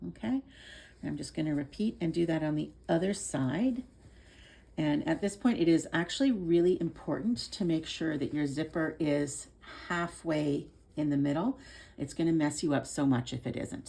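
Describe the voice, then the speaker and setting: A woman giving a step-by-step hands-on tutorial as an instructor, speaking in a careful, unhurried, informal and reassuring way. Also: low-pitched, creaky, dark tone, husky. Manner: careful, unhurried, explaining each small step. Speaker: sewing instructor. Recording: some background noise.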